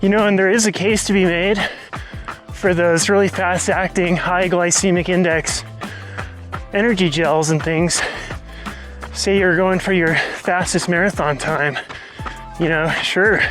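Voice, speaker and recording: A man's voice: high-pitched, fairly even intonation, measured pace, a bit bright, soft background music. A man hosting a vlog, talking casually and explaining things as he goes, recorded outdoors on a trail. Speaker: vlog host.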